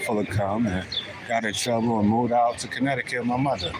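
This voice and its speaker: A man's voice: mid-range voice, steady tone, fast talker, background noise. A middle-aged man with a New York accent, chatting loosely in a live street vlog on his phone. He is outdoors on a hot city street and reads viewer comments aloud. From the Bronx, New York. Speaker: livestreamer. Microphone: phone camera.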